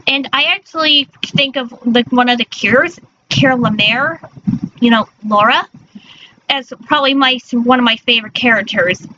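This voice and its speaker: A woman's voice: fairly high pitch, moderate pace. A woman chatting casually on a livestream in a cute, girlish anime-streamer manner, often stumbling over her words. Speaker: streamer, virtual character persona. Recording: dull lo-fi mic with faint noise.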